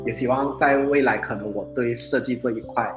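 A man speaks as a podcast guest in Malaysian-accented Mandarin, hesitant and soft-spoken, full of fillers and quick agreement. His voice sits at a middling pitch. It rings in a roomy echo with clear music underneath. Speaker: graphic designer guest. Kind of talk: casual podcast interview.

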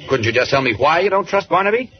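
An actor playing a mild, polite but persistent reporter in a radio drama, questioning hesitantly or thinking aloud. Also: male voice, fairly high pitch, lively intonation, fast talker, breathy edge. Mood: polite probing. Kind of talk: 1940s radio acting. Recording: muffled vintage radio recording.

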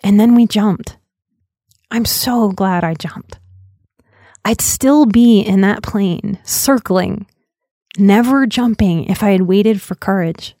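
A woman in her late thirties, a podcast host and life coach, telling a personal story in an earnest, reflective way and slowing down for emphasis. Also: medium pitch, dark tone, no room sound, studio quality. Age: 30s.

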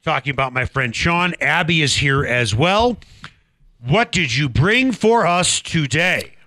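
A man's voice: on the high side, animated, a little slow, pushed and bright. A man hosting a sports radio show in the studio, chatty and enthusiastic, also reading sponsor spots. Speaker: radio talk show host. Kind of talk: casual studio chat.

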